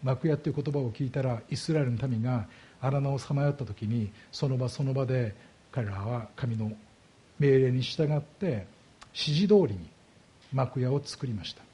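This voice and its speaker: A man's voice: mid-range voice, warm tone, breathy edge. A man preaching a sermon as a pastor, explaining scripture and asking his congregation rhetorical questions. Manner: slows down heavily on key words.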